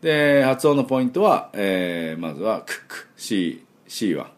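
A middle-aged man teaching English pronunciation in a daily audio lesson. He explains step by step, demonstrates sounds slowly and fills pauses with drawn-out "eh"s. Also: on the low side, big pitch swings.

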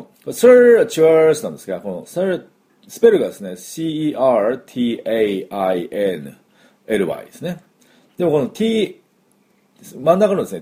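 A middle-aged man teaching English phrases in a spoken lesson, explaining patiently and modeling each phrase slowly for listeners to repeat. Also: mid-range voice, mellow.

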